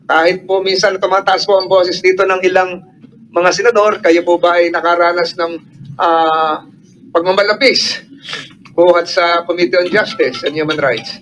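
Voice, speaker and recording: A man's voice: high voice, steady tone, moderate pace, fairly bright tone, slight background noise, low-quality recording. A Filipino man chairing a hearing, asking formal questions politely with hesitant fillers. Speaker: committee chair. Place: senate hearing room.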